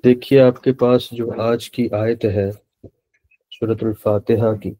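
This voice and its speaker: A man teaching a beginner Arabic lesson, speaking slowly and patiently and repeating words for his students. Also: mid-range voice, little pitch movement, mellow. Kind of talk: online lecture in Urdu.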